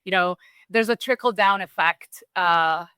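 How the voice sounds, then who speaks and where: A woman from Romania talking as a guest in a relaxed, thoughtful interview, with restarts and small laughs. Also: lowish voice, measured pace, clear, resonant tone, dry recording. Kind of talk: casual conversational interview.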